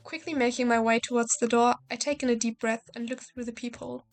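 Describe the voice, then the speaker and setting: Higher-voiced woman reading a game aloud. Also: fairly even intonation, fast, faint music behind. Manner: casual, joking, swears and laughs at herself. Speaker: gamer playing a visual novel.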